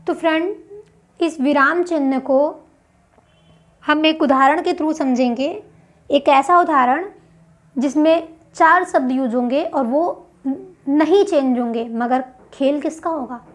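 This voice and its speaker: A woman's voice: high voice, slow, long pauses. A woman teaching a grammar lesson for exam prep. She explains step by step and asks questions that she then answers herself.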